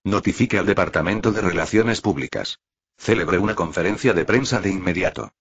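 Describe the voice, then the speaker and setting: A man's voice: sits low, a little fast, husky. A man reading a panicked young assistant. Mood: urgent. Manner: urgent, alarmed reporting. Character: hurried young male assistant in a suit.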